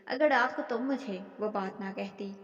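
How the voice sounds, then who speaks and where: A woman's voice: on the high side, a bit bright, natural voice. Woman voicing an insistent, possessive young man. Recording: dull echoey recording with long reverb.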